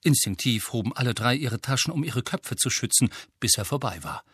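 A man narrating an audiobook in a steady, measured reading. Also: medium pitch, husky, dry recording, studio quality. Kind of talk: scripted narration.

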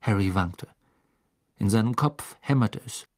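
A man narrating an audiobook in a measured storytelling manner. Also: on the low side, dry recording, clean studio sound. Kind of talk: scripted narration.

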